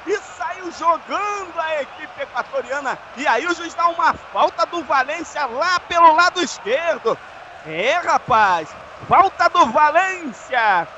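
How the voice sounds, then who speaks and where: A Brazilian man calls football live on radio in a colloquial, animated way. His voice is very high and bright, with a forceful edge. The recording is dull, with faint noise. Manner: colloquial, animated play-calling. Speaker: football play-by-play commentator.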